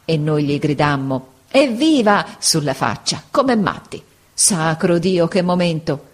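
A woman's voice: sits low, steady tone, unhurried. A woman reading the part of a proud, emotional middle-aged army veteran in an audiobook, telling his memories with fervor. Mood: stirred. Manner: fervent, stirred storytelling.

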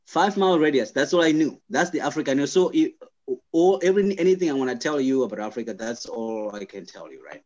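A young man from Zimbabwe, a guest in an interview, speaking thoughtfully and haltingly with many restarts and fillers. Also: mid-range voice, expressive, a little mellow, highs cut off. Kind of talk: conversational interview.

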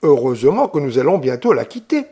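A man's voice: medium pitch, sing-song, a little fast, warm tone, breathy edge. A man reading an audiobook, voicing a witty, teasing young English lady with a playful, lightly mocking manner.

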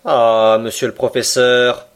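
A man's voice: mid-range voice, close to an everyday voice. A man reading a cool, commanding sea captain. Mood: cool, ironic. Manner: cool, measured, slow and deliberate. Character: calm ironic male submarine captain, commanding. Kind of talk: audiobook character reading.

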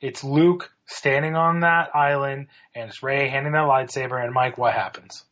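A man's voice: medium pitch, steady tone, normal speed, a bit bright, lo-fi sound. A man co-hosting a podcast, chatting casually and steering the talk with questions. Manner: conversational, leads the discussion with questions. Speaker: podcast co-host. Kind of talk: casual chat. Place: home in Los Angeles.

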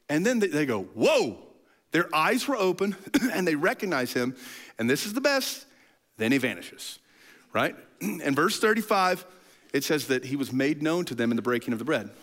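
A male pastor preaching a sermon in an animated storytelling way, often clearing his throat. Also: sits high, moderate pace.

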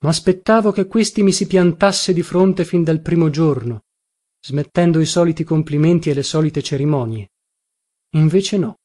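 A man reading a literary novel aloud in a measured, unhurried manner. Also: a little high, mellow. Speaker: audiobook narrator. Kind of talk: scripted literary narration.

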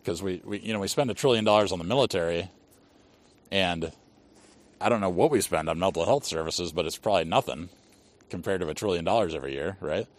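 A man's voice: deep voice, quick pace. A man hosting a casual conversation, pressing his case with rhetorical questions.

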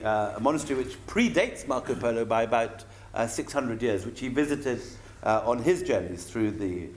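A man reading from his own book to an audience, adding asides, often pausing with ums and uhs. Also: medium pitch. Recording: roomy echo.

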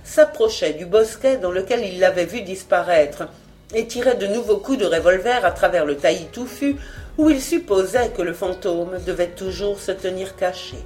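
A woman narrating an old-fashioned novel aloud in an expressive storytelling manner. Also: mid-range voice, moderate pace. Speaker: audiobook narrator.

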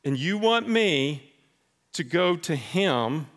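A man's voice: a little high, big pitch swings, slow pace, a bit bright, heavily acted. A man acting out a worried, reluctant disciple who protests and hesitates in a sermon retelling.

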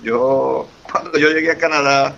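This man from Venezuela, with his Venezuelan Spanish accent, chats in a casual interview, eager and effusive and repeating himself often. His somewhat high voice is creaky and fairly bright, with a steady tone at normal speed; the recording is lo-fi with a faint hiss.

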